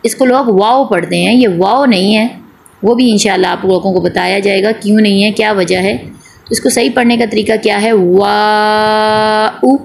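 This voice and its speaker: Teaching Quran recitation online, this woman speaks briskly at medium pitch with vocal fry. She patiently goes over each point again, answers questions she poses herself, and stretches the long vowels when demonstrating.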